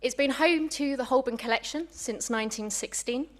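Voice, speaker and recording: A young museum curator gives a public lecture in a warm, chatty way with apologetic asides, sounding slightly out of breath. Her voice sits high and moves at normal speed.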